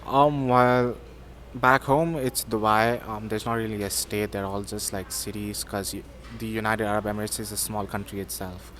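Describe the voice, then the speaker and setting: This man is in his 20s, a student from Pakistan with Sindhi as his first language, giving relaxed, hesitant interview answers filled with fillers. His voice is lowish and his speed normal. The audio carries a little hiss or hum.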